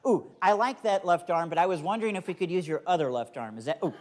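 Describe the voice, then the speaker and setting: In a fast, high voice, a man runs a live comedy magic act for children. He talks to little volunteers in simple, encouraging phrases and then addresses the crowd like a playful showman.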